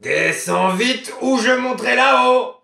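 A cruel, murderous nobleman, as a male reader puts him on, menaces in a slow, gravelly rasp. His tone is bright and cutting, swinging widely in pitch. A storybook villain through and through. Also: lively intonation, exaggerated voice. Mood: bellowing. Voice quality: gravelly, raspy. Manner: menacing, bellowing threats. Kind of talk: storybook reading.

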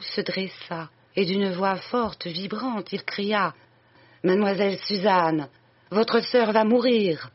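A narrator reading a literary story aloud in a measured, solemn way. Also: medium pitch. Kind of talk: audiobook reading. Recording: dull lo-fi recording.

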